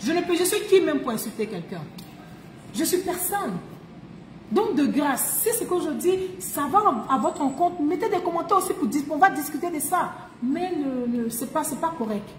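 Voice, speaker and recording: A woman's voice: sits high, expressive, normal speed, slight background noise. A woman streaming live, giving relationship advice emphatically, laughing often and repeating her key phrases. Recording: echoey room.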